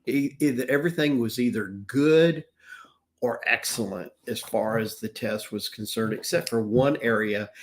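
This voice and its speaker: A man's voice: medium pitch, normal speed. A man in his sixties in casual live-stream talk, earnest and rambling, often restarting his sentences. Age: 60s. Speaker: wellness business owner.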